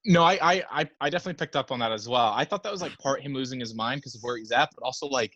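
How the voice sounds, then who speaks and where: A young man appears as a guest on a casual podcast, talking about films with enthusiasm, rambling and using many fillers. His mid-range voice is a bit bright and very fast. The recording is dry, with the highs cut off.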